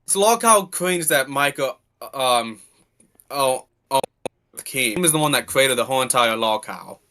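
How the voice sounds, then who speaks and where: A man calls in to a live stream, speaking slowly and haltingly, often trailing off. His voice is bright and smooth, but the buzzy internet call keeps breaking it up into glitchy fragments. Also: medium pitch, expressive. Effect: breaking-up, glitchy internet call audio. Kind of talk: casual live-stream chat.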